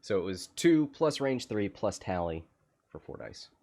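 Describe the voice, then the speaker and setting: A man doing casual game commentary on a livestream, laughing often and getting excited. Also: on the low side, unhurried.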